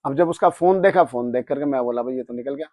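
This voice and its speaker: A man's voice: mid-range voice, quick pace, no echo, studio quality. A man telling a personal anecdote in casual speech, acting out the dialogue and raising his voice when angry. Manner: animated, acts out dialogue, voice rises when angry. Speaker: spiritual storyteller.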